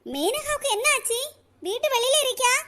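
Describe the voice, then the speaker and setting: A shrill meddling village auntie. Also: big pitch swings, fairly quick, background noise. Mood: mock-concerned. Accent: Kanyakumari Tamil. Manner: nosy, scheming, mock-sympathetic. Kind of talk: cartoon comedy voice acting.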